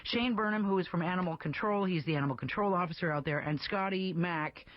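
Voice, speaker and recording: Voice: medium pitch, fast talker, dry recording, highs cut off. A talk radio host speaking in a chatty, joking way while interviewing phone guests. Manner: jokey, chatty. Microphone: studio mic.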